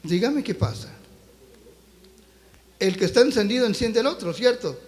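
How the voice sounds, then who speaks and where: A man's voice: sits high, lively intonation, moderate pace, darkish tone. A man preaching a sermon in a church, telling a personal testimony with passion and speaking directly to the congregation as brothers and sisters. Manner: impassioned storytelling, addresses congregation as brothers. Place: church sanctuary. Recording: long church reverb.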